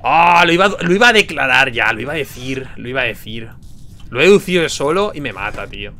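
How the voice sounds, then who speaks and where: Guy muttering over a game, curses out loud when it goes wrong, bright tone. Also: mid-range voice, expressive, fast talker, vocal fry. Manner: mutters to himself, bursts into loud frustrated swearing. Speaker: gaming streamer. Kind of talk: casual gameplay commentary with friends.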